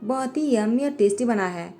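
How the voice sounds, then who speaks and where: A gentle, easily hurt young man speaks in meek, pleading tones, voiced by a woman narrator. The voice is on the high side and soft-toned. Faint music plays beneath it. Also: lively intonation, moderate pace.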